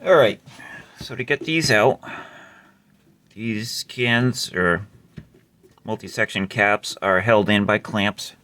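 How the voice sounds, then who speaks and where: Low-voiced man explaining amp repair. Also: fairly even intonation, slow pace, long pauses, pushed and bright, a little hiss or hum. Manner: laid-back, explaining step by step with mild cursing. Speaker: amplifier repair host. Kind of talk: casual repair tutorial.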